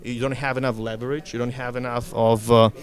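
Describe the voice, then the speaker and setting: Man, brisk pace, mid-pitched voice, joking, laughs between remarks, casual interview guest. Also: little pitch movement. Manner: jokey, laughs between remarks, non-native phrasing. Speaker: interview guest, event organizer.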